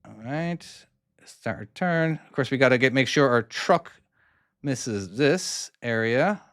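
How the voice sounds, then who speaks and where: Taking it slowly, a man with an expressive, medium-pitched and slightly bright voice comments live on his own trucking game. He's from Cork, speaks with an Irish accent, and casually talks through each maneuver while answering questions from chat. The recording is dry and studio quality.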